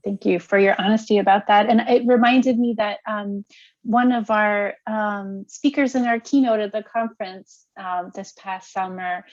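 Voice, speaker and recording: A woman's voice: mid-range voice, fairly even intonation, moderate pace, dry recording, highs cut off. A woman moderating an online panel, hesitant with frequent ums. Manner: warm thanks, hesitant with ums. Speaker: forum moderator.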